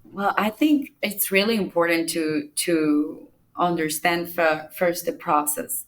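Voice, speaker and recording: A woman from the Dominican Republic whose voice is on the low side appears as a podcast guest and climate negotiator. She gives explanatory interview answers in a measured way, going step by step with small restarts.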